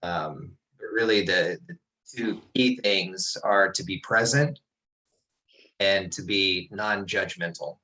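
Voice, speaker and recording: A middle-aged man teaches a small class over a video call, his low-pitched voice carrying a bright, forceful edge. He tells personal stories in a relaxed, reflective way, often stopping to restart a sentence. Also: takes it slowly, rough recording.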